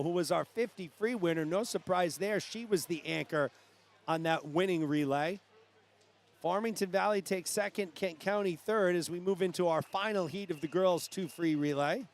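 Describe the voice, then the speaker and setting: A high-pitched man with a New England accent calls a youth swim meet live. His brisk play-by-play rises at the finishes.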